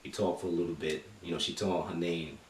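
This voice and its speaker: A man telling a story in casual chat, animated and acting out quotes with street slang, recorded from a distance in an echoey room. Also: deep voice, brisk, a little hiss or hum. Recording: echoey room, mic far off.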